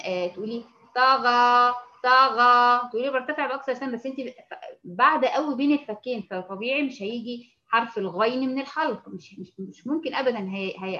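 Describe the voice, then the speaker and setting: In a tajweed lesson, an Egyptian-accented woman patiently walks through Quran recitation, demonstrating sounds at a slow pace. She speaks on the high side with a fairly bright tone, and the audio sounds dull.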